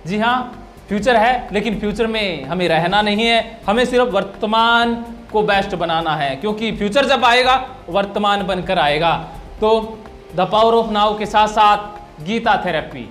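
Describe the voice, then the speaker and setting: High-voiced man explaining like a counsellor. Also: a little slow, fairly bright tone, soft background music. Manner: repetitive, emphatic teaching delivery. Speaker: psychological counsellor. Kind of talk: explanatory talk to camera.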